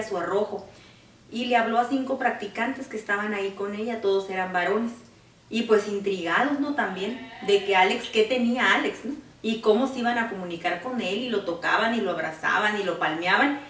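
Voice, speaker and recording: Mother telling her story, reflective, filler-heavy, roomy sound from a distance. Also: medium pitch. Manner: reflective, with many fillers like "pues" and "¿no?". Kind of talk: personal account in an interview.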